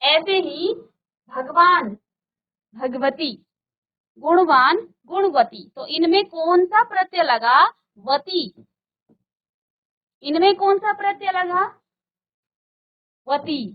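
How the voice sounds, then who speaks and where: Woman teacher, high voice, unhurried, patient drills of word pairs, slightly dull studio sound. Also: animated. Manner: slow, patient, repeats word pairs and asks rhetorical questions. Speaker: Hindi teacher. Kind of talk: virtual classroom grammar lesson.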